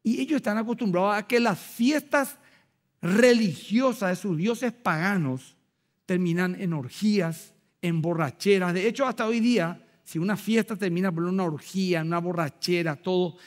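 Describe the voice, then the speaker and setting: A man with a Paraguayan Spanish accent preaching a sermon as pastor, animated and acting out little dialogues with rhetorical asides. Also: high-pitched, moderate pace.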